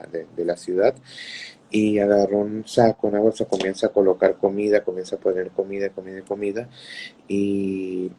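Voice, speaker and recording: A male preacher telling religious stories to listeners in an unhurried way, often repeating words while he searches for the next one. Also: low voice, vocal fry, dark tone, slightly rough. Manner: greets listeners mid-talk. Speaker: Islamic preacher. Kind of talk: religious storytelling talk.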